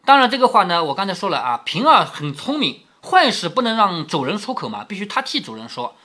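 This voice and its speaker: A man's voice: sits high, big pitch swings, brisk, sharp tone. A man reading a classic novel aloud and breaking off to explain it in a chatty way, often asking rhetorical questions. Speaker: storyteller reading a classic novel to his daughter. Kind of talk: storytelling with commentary.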